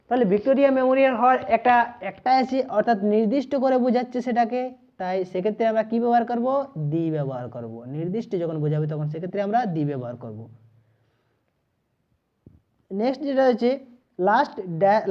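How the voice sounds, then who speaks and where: A woman teaches an entrance-exam grammar lesson in a patient, step-by-step way. She spells out letters, repeats each pronunciation and drops to a slow, dictating pace for example sentences. Her voice sits at a middle pitch, and the recording sounds slightly dull and lo-fi.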